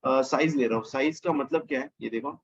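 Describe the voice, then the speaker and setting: A man's voice: medium pitch, fairly quick, husky, highs cut off. A man teaching a casual coding lesson over his screen, thinking aloud and correcting himself as he goes. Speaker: programming teacher.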